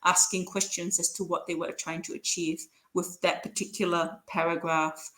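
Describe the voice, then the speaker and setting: A woman's voice: on the low side, little pitch movement, moderate pace, a bit bright, rough recording. A woman bilingual in Samoan and English, talking casually as an interview guest, explaining her points with frequent rhetorical check-ins. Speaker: podcast guest, writer and editor.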